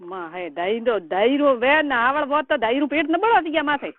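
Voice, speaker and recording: On a private phone call, a middle-aged relative scolds and advises in colloquial speech marked by a rural Rajasthani Marwari accent. Her voice is high and animated at a moderate pace, heard through a tinny line on a noisy recording.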